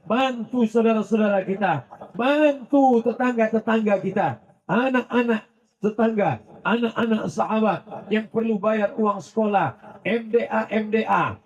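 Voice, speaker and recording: A man delivers a sermon to a large gathering, his voice high and husky. He mixes jokey stories with recited Arabic verses and rising, emphatic appeals. The recording sounds dull and lo-fi. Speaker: Islamic preacher.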